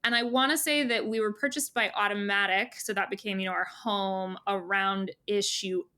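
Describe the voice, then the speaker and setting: A magazine editor-in-chief, a woman with a mid-range, clean, sharp-toned voice, talks at a moderate pace with fairly even intonation as an interview guest. Casual and earnest, she rambles, hedges a lot, and keeps correcting herself.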